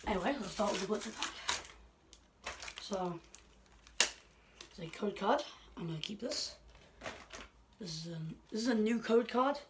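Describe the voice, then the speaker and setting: Woman, casual unboxing chatter, rambly with fillers, mid pitch, noisy home recording. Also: animated, unhurried, pauses often. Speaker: vlogger opening card packs. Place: indoor room near a window.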